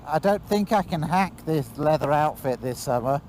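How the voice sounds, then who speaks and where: A man's voice: a little high, expressive, normal speed, a little mellow. A man with a New Zealand accent chatting casually with joking, teasing banter as he rides. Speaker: motorbike travel vlogger, rider. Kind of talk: casual chat. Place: outdoors on a moving motorbike. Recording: noisy vehicle ride, motorbike helmet audio. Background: engine and road noise.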